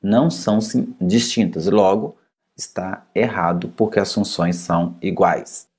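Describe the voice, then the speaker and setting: Husky, low-voiced Brazilian male teacher explaining an exam trap. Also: measured pace, darkish tone.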